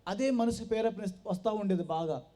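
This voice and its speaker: A man shares his personal testimony with a congregation, telling his story in an animated way and slipping into the voices of the people he quotes. His voice is deep-toned and mellow in colour, yet sits somewhat high in pitch. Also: brisk. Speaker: testimony speaker at a church gathering.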